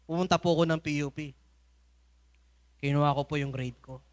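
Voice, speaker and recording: A man with a Filipino accent preaches a sermon at a church service, telling stories with humor and laughing often. His voice is fairly high, fairly even in intonation, and a little fast.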